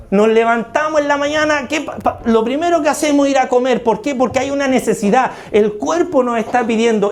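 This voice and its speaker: A preacher delivers a sermon at a medium pitch. The delivery leans on insistent repetition of key phrases and on direct rhetorical questions to the listeners. Everyday stories are woven in with acted quotes of other people. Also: a little mellow.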